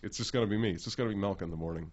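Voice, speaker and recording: A man's voice: low voice, very fast, a little mellow. A young man co-hosting a casual comedy chat, joking and stumbling over his words with many restarts. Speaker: co-host. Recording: dull lo-fi camera mic.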